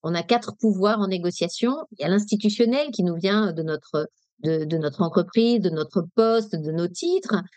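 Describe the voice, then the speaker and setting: French woman from Nice, negotiation coach, lively and direct, dry close sound. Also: lowish voice, moderate pace, no echo. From Nice, France. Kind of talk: webinar talk. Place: webinar, dry room.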